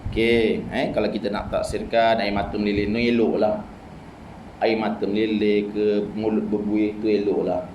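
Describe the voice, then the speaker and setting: A man's voice: lowish voice, little pitch movement, moderate pace, darkish tone, roomy sound, slight background noise, rough recording. A male religious teacher with a Malaysian Malay accent giving a study-circle lecture in a mosque. He teaches in a conversational way, with many "ha" and "eh" asides. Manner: conversational teaching with frequent "ha" and "eh" interjections. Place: mosque prayer hall.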